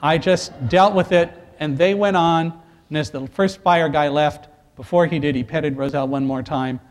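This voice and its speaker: A man telling a personal survival story to an audience, earnest and animated, building to loud emphasis. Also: on the high side, moderate pace. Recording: echoey hall reverb.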